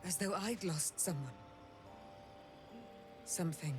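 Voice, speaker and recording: An actress playing a stern, proud female paladin knight in a video game, speaking in a measured, formal way. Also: fairly low pitch, faint music behind. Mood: solemn. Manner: measured, formal, archaic phrasing.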